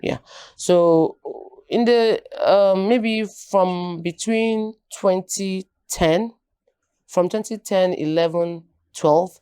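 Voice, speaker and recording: A woman's voice: mid-range voice, takes it slowly, warm tone, clear, resonant tone, no room sound, studio quality. A Nigerian woman in her early forties, a podcast guest chatting casually and animatedly, joking and slipping into Pidgin. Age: early 40s. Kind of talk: casual interview chat.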